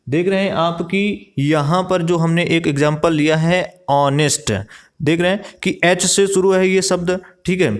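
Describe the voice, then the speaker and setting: A male teacher explaining a grammar lesson, asking himself rhetorical questions and spelling out words letter by letter. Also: fairly high pitch. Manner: repeats rhetorical questions and "ठीक है" while explaining. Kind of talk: classroom lesson explaining English grammar in Hindi.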